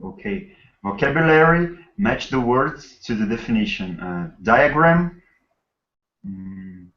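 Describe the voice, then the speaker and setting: Male learner, careful and halting, echoey lo-fi call. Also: mid-range voice, lively intonation. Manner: hesitant, careful. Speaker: student. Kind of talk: reading answers aloud in class. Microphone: video call. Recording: roomy, dull video call audio.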